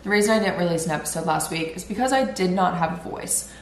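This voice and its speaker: A fast-talking woman in her twenties with a lowish voice rambles through casual solo podcast chat as host. Still recovering from illness, she sounds stuffed-up and nasal; the audio is reverberant with slight background noise.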